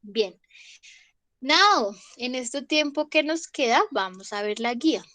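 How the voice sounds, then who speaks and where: Young woman, English teacher, slow, a bit high, dry close sound. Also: animated, bright, forceful tone, no echo. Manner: slow, repeats each word and asks "¿listo?". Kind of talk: online class, reading a vocabulary list.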